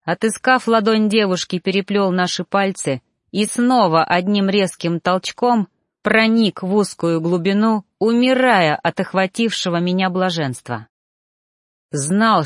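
A woman narrating a romance novel in a steady, measured reading. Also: medium pitch, dry recording, clean studio sound. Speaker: audiobook narrator. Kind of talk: scripted narration.

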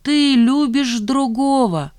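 A woman's voice: high voice, lively intonation, slow pace, darkish tone, dry recording, voice pushed up. A woman reading an audiobook, voicing a mild, patient young man.

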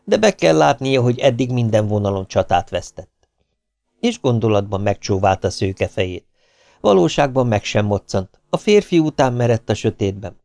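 A man reading a novel aloud as an audiobook narrator, with an expressive delivery. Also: mid-range voice, vocal fry, dry recording. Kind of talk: scripted narration.

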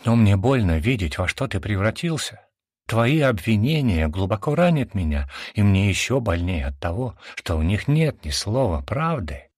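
A man voicing a young woman who pleads softly and desperately with her brother in a storybook reading. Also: fairly low pitch, sing-song, normal speed, no echo, clean studio sound. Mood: hurt.

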